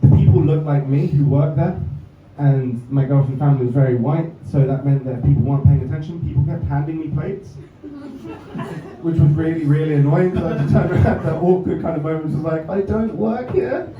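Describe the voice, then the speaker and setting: A young English stand-up comic, fairly high in pitch and brisk in delivery, tosses off dry jokes about himself. Crowd noise and audience laughter fill the background of this roomy, somewhat dull recording made from a distance in a comedy club.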